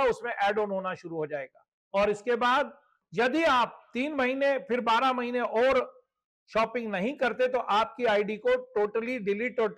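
Poor audio captures a high, slightly bright male voice with an Indian accent. He promotes a membership scheme through a slide presentation, walking through it step by step and sprinkling in English terms.

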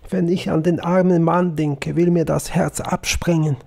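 A man's voice: a little high, flat delivery, moderate pace, vocal fry, a little mellow, voice pushed up. A man reading a story and voicing a frightened young girl, the charcoal burner's daughter, sobbing. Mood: grieving.

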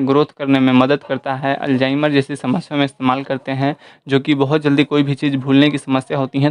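A man giving an explanatory voice-over as host of an informational channel, listing points one after another at a steady pace. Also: medium pitch, clear, resonant tone, dry recording.

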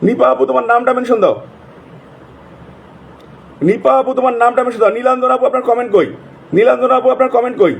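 A man with a strikingly high voice hosts a live stream, firing off viewers' names one after another at a breakneck pace. His throat is sore from the nonstop calling, and he repeats each plea again and again with urgency. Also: fairly even intonation, fast, vocal fry, pauses often, slightly rough. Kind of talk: live stream shout-outs.

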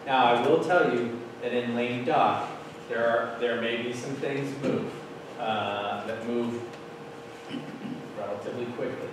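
Speaking unhurriedly in a steady, mid-range voice, a middle-aged school administrator explains policy updates to the board from a podium. His delivery is casual and riddled with fillers. A room mic from across the large meeting room captures it, leaving the audio very echoey and noisy.

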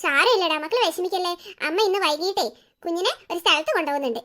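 A caring, no-nonsense mother from a cartoon story, as a voice actor plays her, who comforts and then instructs. The voice is extremely high and bright, and she talks very fast. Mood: motherly. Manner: warm then firmly instructing. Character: caring mother, firm about studies.

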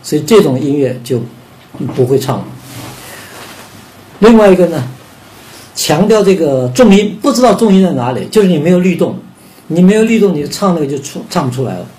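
An older man gives a rhythm lesson in a fairly high voice. He explains downbeats and upbeats, then sings out counting syllables to show each pattern. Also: sing-song, fairly quick, pauses often, warm tone. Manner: demonstrates beats by singing syllables and counting aloud. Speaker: music teacher.

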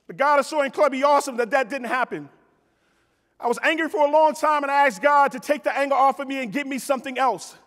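Speaking from a convention hall stage, a middle-aged American keynote speaker motivates the crowd with emphatic stories, repeated phrases and direct address. His voice is very high-pitched with a fairly bright tone, echoing through the large hall's PA.

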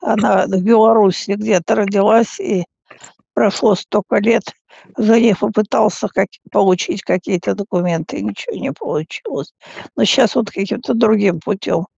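A frail woman in her eighties chatting casually on a phone call like a great-grandmother, halting and often repeating and stammering over words. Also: medium pitch, gravelly, a little mellow, slightly rough, no echo. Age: 80s. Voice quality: frail, elderly voice. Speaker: great-grandmother talking with younger relative. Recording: dull, muffled phone call recording.

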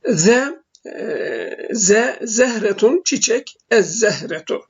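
A man teaching basic Arabic letters in a recorded lesson, speaking slowly and haltingly with frequent filler sounds. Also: sits high, expressive, breathy edge. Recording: dull lo-fi recording.

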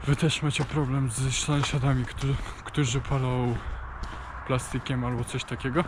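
A young man gives a casual, rambling, slangy and sweary vlog talk while walking outdoors, his halting voice slightly muffled by a mask. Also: mid-range voice, little pitch movement. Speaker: vlogger. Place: outdoors walking at night along streets. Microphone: action camera on a stick. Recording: clearly noisy outdoor action-camera audio.

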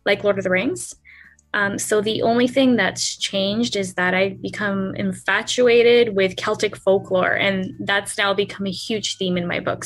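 A young adult woman from Canada, a guest on a podcast interview who talks in a friendly way, laughs often and pauses to think. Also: mid-range voice, fairly bright tone. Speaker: author guest.

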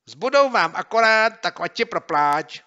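A man voicing a mischievous schoolboy rival who shouts slow, drawn-out taunts in an audiobook. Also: high-pitched, animated, smooth, lo-fi sound, pitched above the performer's own voice. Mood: taunting. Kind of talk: audiobook character voice.

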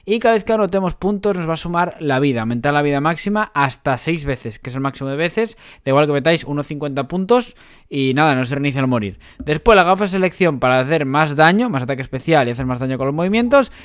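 A man's voice: fairly high pitch, animated, fast talker, clear, resonant tone. A young man from Spain with a Spanish accent, talking casually to viewers as he explains a game build and plays. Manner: chatty, addresses viewers as cracks and chavales. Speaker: gaming YouTuber. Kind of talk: casual gameplay commentary.

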